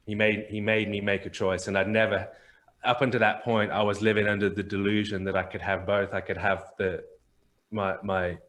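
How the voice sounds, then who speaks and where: A man's voice: on the low side, flat delivery, normal speed, fairly bright tone. A man on a podcast as a guest, earnestly telling a personal story and often repeating words as he restarts phrases.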